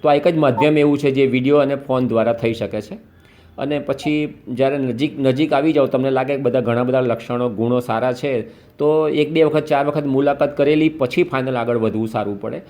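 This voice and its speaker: On a phone call, a male host patiently advises a caller, explaining things step by step in an instructive way. His mid-range voice is darkish and steady in tone, moving a little fast.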